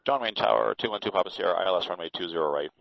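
A man's voice: low-pitched, racing, vocal fry, no echo. A man speaking as a pilot over the aircraft radio, hesitating with filler sounds between radio calls. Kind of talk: radio phraseology. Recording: dull lo-fi radio transmission.

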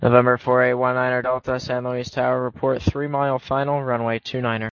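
A man working as an air traffic controller, issuing clearances in clipped radio phraseology. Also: medium pitch, monotone, a little fast, fairly bright tone, dry recording. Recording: dull lo-fi radio audio.

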